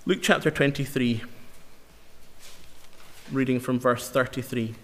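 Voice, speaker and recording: An earnest man preaching a sermon at a medium pitch. He presses his points hard and slows down to repeat key phrases. His voice rings with a long hall reverb. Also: fairly even intonation, a bit bright. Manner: earnest, emphatic, with slow dramatic repetitions.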